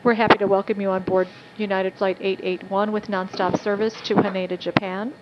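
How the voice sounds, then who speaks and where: A woman working as flight purser, giving courteous, scripted announcements over an airliner's cabin loudspeaker. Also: medium pitch, little pitch movement, brisk. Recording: muffled PA with cabin hum.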